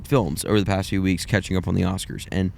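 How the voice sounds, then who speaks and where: This young man speaks fast in a low, level, creaky voice with a touch of mellowness, and there's slight background noise. As co-host of a casual film podcast, he rambles, hedges and runs himself down while giving his view.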